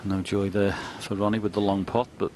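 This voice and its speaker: A man's voice: lowish voice, level tone, a little fast, darkish tone. A man giving live co-commentary on a snooker match. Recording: crowd and faint noise behind. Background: snooker arena crowd.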